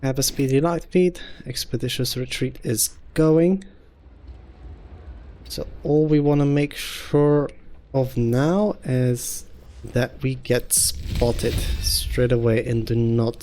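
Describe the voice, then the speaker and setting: A man hosting a gaming channel, calmly thinking aloud through his tactics as let's-play commentary. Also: medium pitch, slow. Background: game music.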